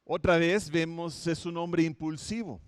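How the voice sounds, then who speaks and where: A man's voice: a little high, steady tone, unhurried, clear, resonant tone, no echo. A man from Minnesota, a pastor giving a conversational sermon, telling the story with light humor and frequent self-corrections. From Minnesota, United States. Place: home setup for an online church service.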